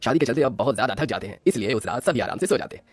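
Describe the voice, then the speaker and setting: Husky, lively cartoon story narrator man. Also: medium pitch, rapid-fire.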